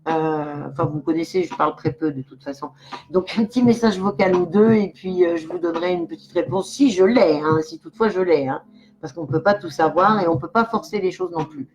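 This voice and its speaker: A woman's voice: on the low side, fairly quick, rough recording. An older woman, a clairvoyant medium, chatting casually and giggling as she talks straight to the viewers of her live stream.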